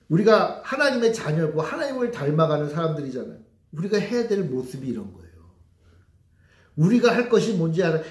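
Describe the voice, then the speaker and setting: A male pastor delivers a sermon with emphatic repetition, putting rhetorical questions to his listeners. His voice sits slightly high for a man. The sound carries the echo of a large room. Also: a little mellow.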